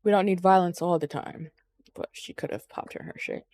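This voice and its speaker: A woman's voice: fairly low pitch, sing-song, moderate pace, darkish tone. A woman co-hosting a podcast, chatting casually about wrestling with lots of ums and swearing. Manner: rambling, profane, frequent ums. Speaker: podcast co-host.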